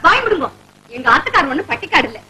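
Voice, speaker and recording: A bossy meddling auntie. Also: female voice, big pitch swings, rapid-fire, sharp tone, a little hiss or hum, full character voice, rough recording. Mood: indignant. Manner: scheming, scolding, theatrical swoops in pitch. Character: bossy meddling middle-aged woman neighbour. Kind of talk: 1970s Tamil film comedy acting.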